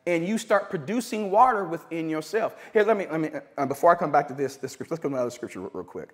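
Middle-aged pastor with a high voice, preaching casually and acting out little scenes for laughs. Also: male voice, animated, fast. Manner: conversational preaching with comic asides and acted-out dialogue. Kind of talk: sermon.

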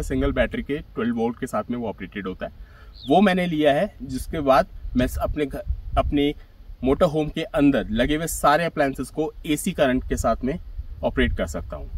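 A man's voice: medium pitch, slightly rough, far from the mic, rough recording. A middle-aged man explaining, in a practical way, how he built his small camper van, recorded outdoors on a hillside. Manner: practical, explanatory, gestures while talking. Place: outdoors on a grassy hillside beside a small car. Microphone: camera at a few metres.

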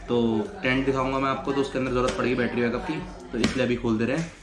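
A man's voice: medium pitch, level tone, rapid-fire, crowd noise. A young man chatting casually as a vlogger at home, teasing and easygoing. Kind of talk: casual vlog chat. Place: home living room at night. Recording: echoey room with background noise.

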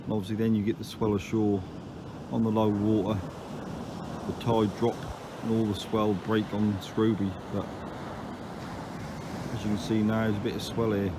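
Chatty angler on a windy beach. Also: male voice, lowish voice, little pitch movement, moderate pace, pauses often. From England. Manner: chatty, down-to-earth, matter-of-fact with dry grumbles. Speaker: angler filming his own fishing trip. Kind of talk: casual running commentary to camera. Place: open beach by the sea, outdoors. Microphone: phone camera held by the speaker. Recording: outdoor phone recording with wave noise. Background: surf and wind.

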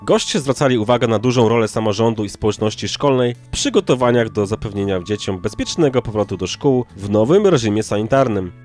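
Male news voice-over, lowish pitch, scripted delivery, soft music bed. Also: lively intonation, a little fast, hardly any pauses. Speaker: news narrator.

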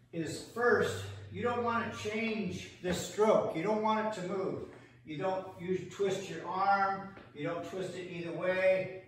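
A higher-voiced older man in his sixties hosts a jokey home how-to, talking slowly and rambling with plenty of fillers. His voice rings around an echoey hallway, with a faint hiss underneath. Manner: joking, playful, rambling with fillers. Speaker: host. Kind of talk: comic how-to demo. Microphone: wireless earbuds.

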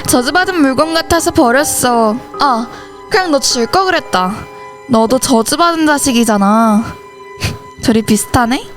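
A woman's voice: high-pitched, animated, unhurried, soft background music. A woman voicing every teenage schoolgirl character in a school horror story, switching between them in dialogue. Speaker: channel host and voice actor.

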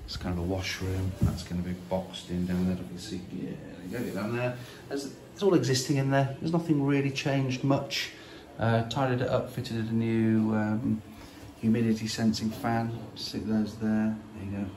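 A property investor records a casual walkthrough of an empty house on a phone held at arm's length, speaking with many fillers and restarts yet hardly pausing. His fairly low, slightly mellow voice is steady at normal speed, and the audio is poor with slight background noise.

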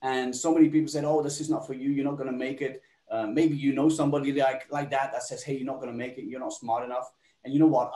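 Over a video call from his home office, a man from Belgium gives a webinar talk, narrating his story with little hesitations. The recording is low quality and reverberant, capturing a dark-toned voice of medium pitch.

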